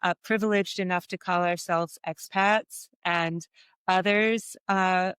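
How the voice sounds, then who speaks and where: A German woman, a guest artist and author, speaks in a conversational interview with a smooth, lowish voice and a steady tone. She takes her time, sounding warm and reflective, and laughs often. There is no room sound.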